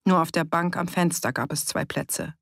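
Measured audiobook narrator, dry close sound. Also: medium pitch, no room sound. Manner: even, measured storytelling. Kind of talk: scripted narration.

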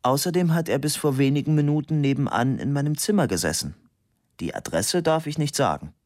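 A man's voice: fairly high pitch, expressive, fairly quick, a little mellow, no echo, studio quality, pitched above the performer's own voice, lightly acted. A man voicing an ironic young man. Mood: matter-of-fact.

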